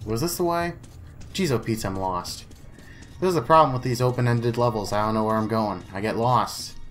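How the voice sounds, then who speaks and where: A man's voice: mid-range voice, normal speed, slight background noise. A man giving casual let's play commentary, chatty and playful, talking to himself and to the enemies on screen. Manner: playful, jokey asides.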